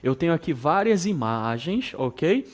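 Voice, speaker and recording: A man from northern Brazil with a regional accent, teaching an English lesson to students and repeating words slowly with frequent check-ins. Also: on the high side, sing-song. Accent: northern Brazilian Portuguese. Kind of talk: televised school lesson.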